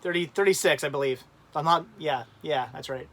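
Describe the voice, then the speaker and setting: Thirties male co-host, slightly high voice, loose and giggly, lots of restarts. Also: fairly quick, fairly bright tone. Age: 30s. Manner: rambling, laughs often, many restarts. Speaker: livestream co-host. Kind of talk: casual chat.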